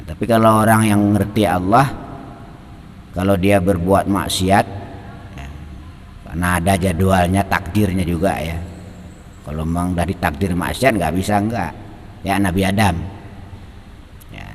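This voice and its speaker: A male preacher speaks, moving briskly between folksy storytelling and recited Arabic. His voice sits fairly low and rings in a reverberant hall, with faint ambient noise behind him. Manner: storytelling, lively, mixes colloquial asides and Arabic quotes. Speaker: Islamic preacher. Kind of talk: sermon on a classical text.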